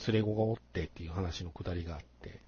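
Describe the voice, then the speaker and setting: A man with a Kansai accent talking casually about a film as a podcast co-host, animated when telling a story. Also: low-pitched, racing, muffled recording. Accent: Kansai Japanese.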